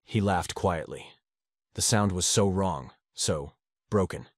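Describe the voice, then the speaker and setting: A man narrates fan fiction audiobook-style, slowly and with measured steadiness, his voice low and level. Nothing of the room comes through; the sound is completely dry.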